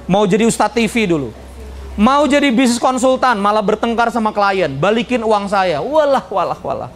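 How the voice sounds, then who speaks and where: Man, very high voice, business seminar speaker, lively, joking. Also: normal speed. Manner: lively, joking, addresses the audience directly. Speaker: business speaker and motivational trainer. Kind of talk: seminar talk to an audience.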